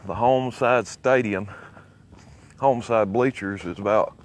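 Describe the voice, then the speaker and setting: Low-ish and slow, a male voice carries an Alabama Southern accent through rambling walk-along commentary that's folksy, boastful and coarse. The speaker is an amateur vlogger from Alabama, United States, walking small-town streets. Outdoor ambience, traffic and passing vehicles make it noisy.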